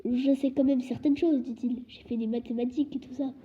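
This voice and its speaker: Harry Potter, a woman doing a timid soft boy. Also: high voice, fairly even intonation, a little fast, close to an everyday voice. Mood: hesitant. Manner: soft, hesitant, half-whispered. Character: timid young boy, confused and polite. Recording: dull lo-fi recording.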